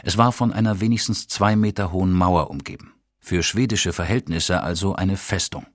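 A man narrating an audiobook in a husky, measured, matter-of-fact voice. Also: low voice, no echo, studio quality.

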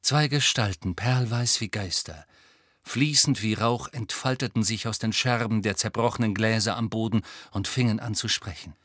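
A man narrating an audiobook in a measured, even storytelling voice. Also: fairly low pitch, dry recording, studio quality. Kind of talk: scripted narration.

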